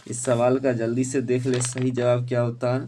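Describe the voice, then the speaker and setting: A man teaching an exam-prep lesson, quizzing students and urging them to answer quickly. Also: mid-range voice, monotone, noisy background.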